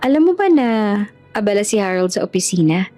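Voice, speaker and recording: A woman's voice: mid-range voice, very animated, fast, dark tone, faint music behind, close to an everyday voice. A woman voicing a playful older father who coaxes and teases, in a spoken storybook. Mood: coaxing.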